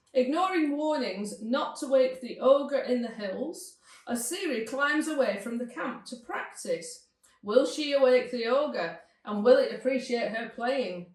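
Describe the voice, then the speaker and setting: A woman's voice: on the high side, a little mellow. Chatty woman in an echoey room. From Lancashire, England. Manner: chatty, enthusiastic, with fillers. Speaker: podcast host. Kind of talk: casual chat and read-aloud. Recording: echoey room, distant mic.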